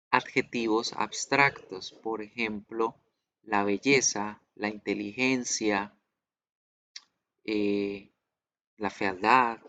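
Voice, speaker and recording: A man teaches English over a muffled online class connection. He speaks slowly and patiently, with a mid-range voice, and repeats pronunciation drills aloud. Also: mid-range voice, fairly bright tone, a little hiss or hum.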